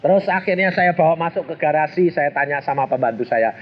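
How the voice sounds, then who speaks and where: A middle-aged man preaching a storytelling sermon, animated and jokey, acting out the voices in his stories. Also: on the high side, fast talker. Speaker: pastor. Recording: dull lo-fi sermon recording with faint hiss.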